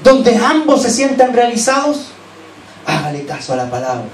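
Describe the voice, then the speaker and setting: A man with a Chilean accent preaching a sermon as pastor, earnestly urging his listeners, then dropping to soft, low asides. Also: very animated, moderate pace. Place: church hall. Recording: echoey church hall, distant mic, faint hiss.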